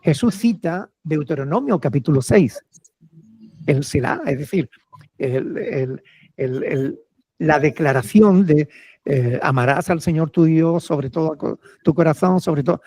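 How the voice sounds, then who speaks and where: Male Peruvian pastor, teacherly Q&A answers, warm dark tone, dry close sound. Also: on the high side, unhurried, no echo. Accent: Peruvian Spanish. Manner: explanatory, often checks with "¿ok?". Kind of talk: answering questions in a church Q&A.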